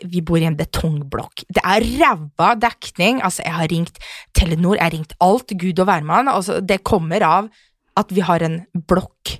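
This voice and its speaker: A woman co-hosting a casual podcast chat, talking animatedly and acting out quarrels in a shrill voice. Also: a bit bright, no echo, studio quality. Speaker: podcast co-host.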